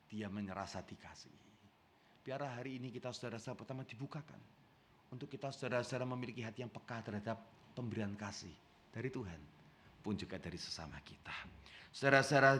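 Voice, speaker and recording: A man preaching a sermon as pastor, with an Indonesian accent, swinging between loud bursts and hushed asides and often calling out to his congregation. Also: mid-range voice.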